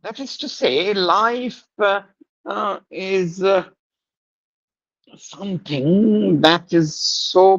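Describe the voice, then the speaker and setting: A man teaching a class, explaining slowly with many pauses and fillers and asking his students questions. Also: high voice, a bit bright, dull audio. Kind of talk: classroom lecture.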